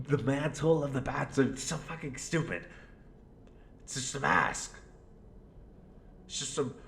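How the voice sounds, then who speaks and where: A man voicing an unhinged, menacing clown supervillain in a rambling, theatrical audio roleplay, with a gravelly voice and smug manner. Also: fairly bright tone. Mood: scornful. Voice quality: gravelly, creaky. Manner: rambling, theatrical, swinging from mutters to outbursts. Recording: roomy echo, faint rumbling noise.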